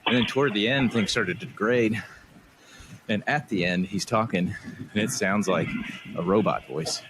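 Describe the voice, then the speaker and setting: Low-voiced guy hosting a chill podcast, rambly, laughs a lot, noisy audio. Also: moderate pace. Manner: easygoing, laughs often, rambling storyteller. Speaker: podcast host. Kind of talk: casual chat. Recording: noisy recording.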